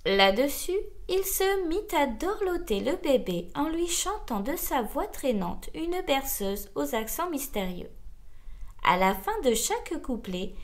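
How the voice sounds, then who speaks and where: Woman reading a kids book, high lively voice, takes her time. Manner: slow, expressive, theatrical. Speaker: storybook reader. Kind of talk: children's story reading.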